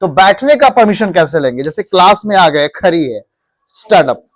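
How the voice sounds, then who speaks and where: High-voiced man teaching a class. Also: very animated, moderate pace. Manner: coaxing, repeats questions to the class. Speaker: English teacher.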